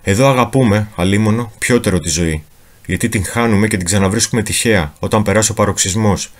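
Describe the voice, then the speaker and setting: A man giving a solemn, theatrical reading of a memoir as a dramatic literary reading. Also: fairly low pitch. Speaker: reader of a memoir.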